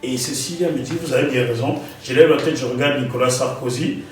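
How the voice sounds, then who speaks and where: A man from Gabon recalls his past for an interviewer, animated and often repeating words as he searches for details. The mic sits some way off him, and the room rings with echo. He keeps an even, middle pitch. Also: fairly quick, recorded from a distance. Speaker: interview guest. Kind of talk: storytelling in an interview.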